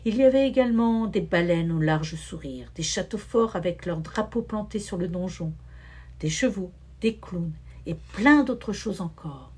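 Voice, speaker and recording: Husky woman reading a children's story. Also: fairly low pitch, normal speed. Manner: expressive, rhythmic listing.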